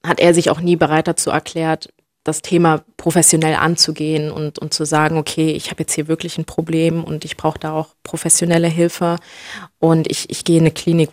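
A young woman from Germany, speaking reflectively as an interview guest and often pausing to search for words. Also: sits low, a little mellow, no room sound, studio quality. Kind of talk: personal interview conversation.

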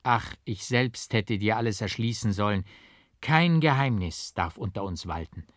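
A man's voice: lowish voice, moderate pace, no echo, studio quality, natural voice. A man voicing a pious, anxious young woman who pleads with her beloved in a storybook reading. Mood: pleading.

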